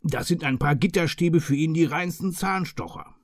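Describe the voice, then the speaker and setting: A man's voice: fairly high pitch, moderate pace, dry recording, pitched above the performer's own voice, close to an everyday voice. A man voicing a stout, sly and jovial chief inspector who talks in a dry, offhand way. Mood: musing. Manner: dry, wry, offhand murmuring.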